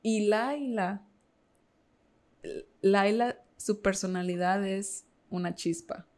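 A woman's voice: mid-range voice, slow pace, darkish tone. A woman, a podcast guest telling a personal story with feeling and many fillers. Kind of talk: casual interview chat.

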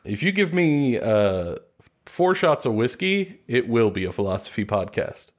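A man's voice: medium pitch, measured pace. Laid-back man co-hosting a podcast. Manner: relaxed, rambling, jokey. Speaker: podcast co-host. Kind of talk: casual podcast chat.

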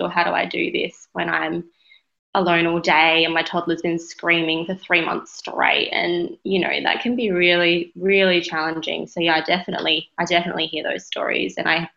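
A woman's voice: on the low side, level tone, moderate pace, creaky, sharp tone, dull audio. An Australian woman speaking as an interview guest, reflective and feeling her way through her phrases in a conversational style. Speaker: interview guest, parenting advocate.

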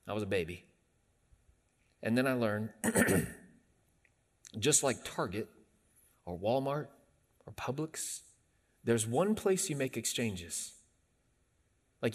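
A man's voice: mid-range voice, fairly bright tone. A man in his late forties, a pastor delivering a conversational sermon that rises into emphatic bursts. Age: 40s.

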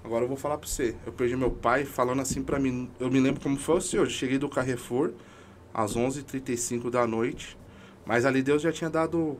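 A man's voice: mid-range voice, steady tone, brisk, slight background noise. A man, a podcast guest talking casually in an emotional, slangy, emphatic way about his amateur football club. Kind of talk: casual chat.

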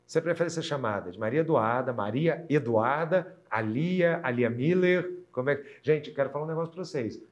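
A man's voice: fairly high pitch, expressive, normal speed, hardly any pauses, lo-fi sound. A man hosting an interview, asking questions in a rambling way with many restarts. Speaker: podcast host. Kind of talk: casual interview. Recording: echoey room.

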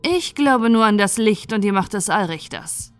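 A woman's voice: mid-range voice, expressive, moderate pace, fairly bright tone, clear, resonant tone, soft background music, natural voice. A woman doing a stern zealous inquisitor. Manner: stern, commanding, contemptuous. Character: cold, zealous female inquisitor, ruthless leader.

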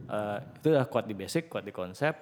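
A man chatting casually as a podcast host, relaxed and joking, with lots of fillers. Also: fairly low pitch, fairly quick, slight background noise. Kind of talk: casual chat. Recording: long hall reverb.

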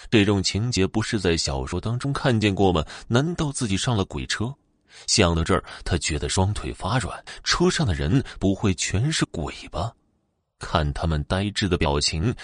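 A man narrating a ghost story with an expressive, dramatic delivery. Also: low-pitched, normal speed, dry recording, studio quality.

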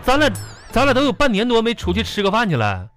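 A man's voice: very high-pitched, wildly swooping pitch, quick pace, a bit bright, soft background music, exaggerated voice. A man playing a stingy, fumbling husband in a comedic audio sketch, with a Northeastern Chinese accent, stammering and rambling. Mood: grumbling. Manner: stammering, rambling, repeats words.

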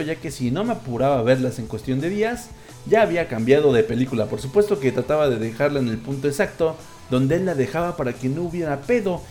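Here the Mexican-accented man's voice is on the high side but carries a darkish tone. He hosts a casual live online show, bantering and reading listener messages in crude, humorous slang.

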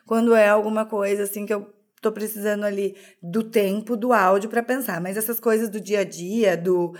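A woman's voice: medium pitch, fairly even intonation, normal speed, a little mellow. A woman co-hosting a podcast in casual chat, candid and self-deprecating, often restarting her sentences. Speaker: podcast co-host.

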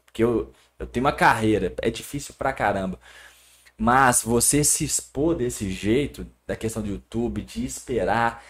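A man hosting a casual podcast, reflecting out loud in loose, slangy talk. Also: medium pitch, moderate pace. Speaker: podcast host.

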